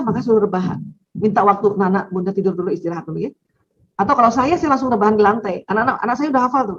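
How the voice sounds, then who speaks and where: Middle-aged woman, husky and animated, for a religious parenting lecture on a dull, lo-fi recording. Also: on the high side. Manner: animated, acts out child and parent voices. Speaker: Islamic parenting speaker.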